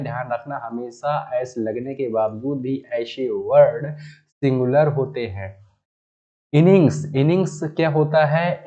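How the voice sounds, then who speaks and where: A man's voice: medium pitch, muffled recording. A man teaching a grammar class, explaining patiently and often calling out to his students. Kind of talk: classroom lecture.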